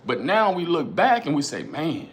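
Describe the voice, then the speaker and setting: A man's voice: fairly high pitch, moderate pace. A middle-aged man hosting a casual livestream, talking animatedly and profanely, reading viewers' comments aloud and repeating phrases like "you know what I'm saying.". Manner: animated, profane, rhetorical, keeps addressing chat viewers by name. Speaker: livestream host reading chat.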